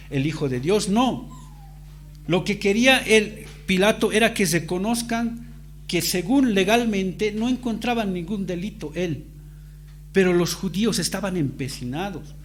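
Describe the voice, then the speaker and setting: A man delivers a sermon in a notably high voice. He presses his points with emphasis and stacks repeated phrases. A faint hum sits underneath. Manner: emphatic, dramatizes quoted dialogue. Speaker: preacher.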